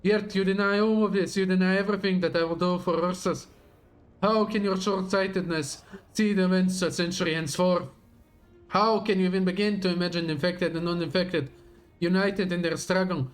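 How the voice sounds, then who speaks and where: Man voicing a slow, menacing, theatrical warlord villain. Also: high voice, steady tone, voice pushed up, natural voice. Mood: indignant. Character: grandiose menacing warlord villain, zealous for empire. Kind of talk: dramatic read-aloud of video game villain dialogue.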